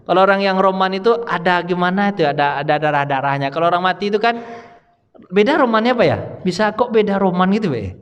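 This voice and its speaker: A man's voice: sits high, fast talker, clean tone, lo-fi sound. Man preaching in an echoing hall. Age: younger than his audience. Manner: conversational, asks the audience questions. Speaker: Islamic preacher. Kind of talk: sermon. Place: hall with audience. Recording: long reverb of a hall.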